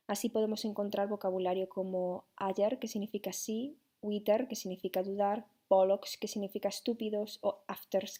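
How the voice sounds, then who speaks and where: A young woman from Spain with a Spanish accent, a student teacher reading a classroom presentation slowly and carefully, with frequent "eh" fillers. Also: mid-range voice, warm tone.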